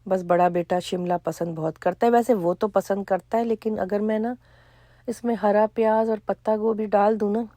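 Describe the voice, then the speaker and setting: A middle-aged woman, chatting casually in a cooking vlog, hoarse for now and full of chatty asides. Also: medium pitch, steady tone, warm tone, no room sound, studio quality. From Pakistan. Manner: chatty, storytelling with asides and quoted dialogue. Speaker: vlogger.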